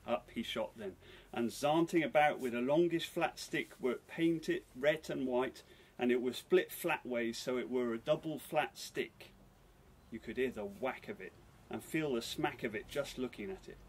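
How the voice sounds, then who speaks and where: Slow, husky man reading a novel aloud. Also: mid-range voice. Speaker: reader. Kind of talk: reading literary fiction aloud. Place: bookshop, indoors.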